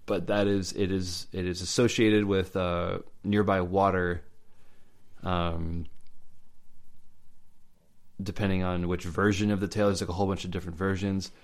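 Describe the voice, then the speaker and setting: A man talking casually as podcast co-host, halting with many fillers and restarts. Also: sits low, flat delivery. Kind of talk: casual chat about legends.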